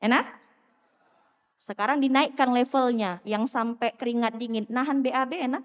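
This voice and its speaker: A woman giving a lively sermon to a live audience, teasing and asking the crowd questions. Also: a little high, moderate pace. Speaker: preacher. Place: mosque hall. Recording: muffled sound in a long-echo hall.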